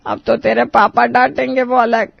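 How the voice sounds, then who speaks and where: Fussy middle-aged cartoon mother, dramatic, complaining, higher voice, dry lo-fi sound. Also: little pitch movement, normal speed, vocal fry, dry recording. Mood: fretful.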